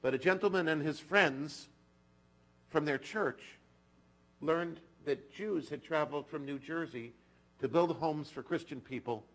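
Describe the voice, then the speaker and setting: A man giving a sermon in a synagogue, telling a story slowly and earnestly, often dropping to a soft, intimate tone. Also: fairly high pitch, low-quality recording. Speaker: clergy. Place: synagogue sanctuary.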